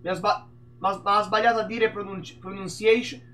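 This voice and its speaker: An Italian man with a high voice streams an indie game, talking fairly quickly over a faint hiss or hum. He's animated and rambling, swearing casually and often as he plays through it.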